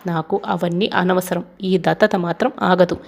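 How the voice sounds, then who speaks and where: A woman with a gravelly voice voicing a stern middle-aged father who scolds firmly. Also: on the low side, fairly even intonation, moderate pace. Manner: scolding, firm.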